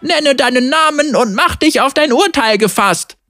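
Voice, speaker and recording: A woman's voice: high voice, animated, normal speed, bright, forceful tone, no echo, studio quality, faint music behind. A woman voicing an immortal winged female guardian who speaks in a stern, raised, commanding voice.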